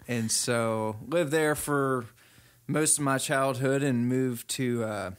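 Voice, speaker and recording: A man's voice: medium pitch, fairly even intonation, takes it slowly, smooth. Easygoing young man chatting. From Kentucky, USA. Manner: easygoing, self-deprecating, many uh fillers. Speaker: musician guest. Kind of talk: casual chat.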